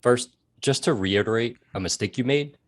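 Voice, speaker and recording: A man's voice: medium pitch, moderate pace. A man, the show's producer, cutting in to correct and scold the hosts pedantically. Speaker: show producer. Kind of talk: comedic correction segment.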